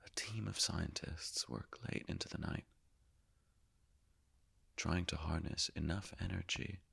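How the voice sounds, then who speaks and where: An actor playing the Higgs boson as a calm, all-knowing narrator, telling his story in a measured way and sinking often into hushed whispers. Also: deep voice, gravelly, husky, full character voice. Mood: hushed awe. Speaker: actor performing a stage monologue. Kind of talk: theatrical monologue.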